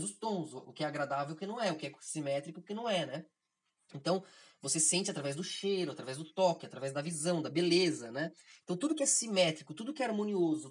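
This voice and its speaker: A woman's voice: fairly low pitch, slightly rough. A woman with a Brazilian accent giving an informal spiritual lesson, rambling and checking in with tag questions. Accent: Brazilian Portuguese. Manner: digressive, constantly adds "né?" tag questions. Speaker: spiritual teacher of an episode series.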